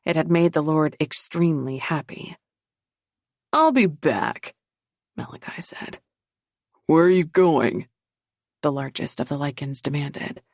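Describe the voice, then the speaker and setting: A woman narrating a paranormal romance audiobook in a measured, steady reading. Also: deep voice, vocal fry, no echo, clean studio sound. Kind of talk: scripted narration.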